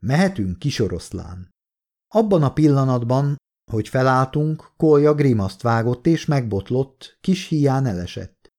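A man reading a novel as an audiobook in steady, measured narration. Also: mid-range voice.

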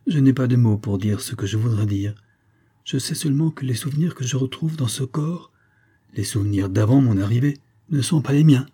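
A man reading the part of a young woman vampire, soft and earnest in a raised voice. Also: mid-range voice, brisk, husky, lightly acted. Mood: melancholy, pleading.

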